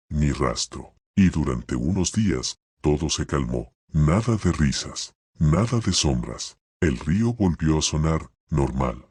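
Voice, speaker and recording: A man with an extremely low, husky voice reads a horror tale slowly and steadily. The sound is dry and close, with no room around it. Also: darkish tone, no room sound. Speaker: narrator. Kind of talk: scripted horror narration.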